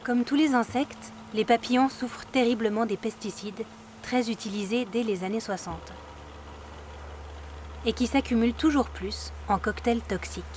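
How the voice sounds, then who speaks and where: A woman's voice: a little high, normal speed, darkish tone, slight background noise. A woman reading scripted narration for a nature documentary. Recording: music under the voice. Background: music and insect sounds.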